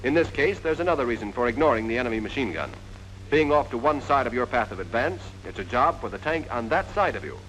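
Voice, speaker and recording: In poor audio with slight background noise, an American man with a medium-pitched, fairly bright voice talks quickly and with lively intonation. He's narrating a 1940s army instructional film on a vintage soundtrack, instructing the trainee directly as "you" in a scripted way.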